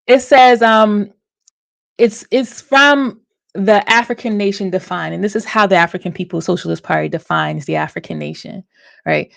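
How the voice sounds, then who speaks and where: A woman's voice: mid-range voice, moderate pace, vocal fry, no echo. A woman hosting a livestream discussion, talking casually with many fillers and restarts.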